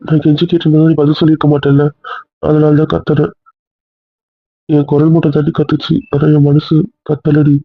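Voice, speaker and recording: A man's voice: fairly high pitch, monotone, fairly quick, pauses often, husky, no room sound. A man playing a young husband who speaks earnestly and tenderly to his wife in an amateur audio drama. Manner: earnest, heartfelt. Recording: tinny phone-like sound.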